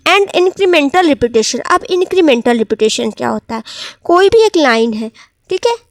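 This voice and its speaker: A woman with a high voice gives an exam-prep literature lecture. She keeps asking questions and answering them herself, and slows right down for quoted verse. The sound is dry and close. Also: lively intonation, no echo. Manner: reads English verse slowly, then explains it. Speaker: literature teacher.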